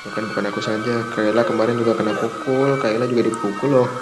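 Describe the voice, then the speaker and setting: A man voicing a frightened young wife who pleads with her husband and then talks quietly to herself about her despair. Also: medium pitch, fairly even intonation, fast talker, very noisy, natural voice. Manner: pleading, worried.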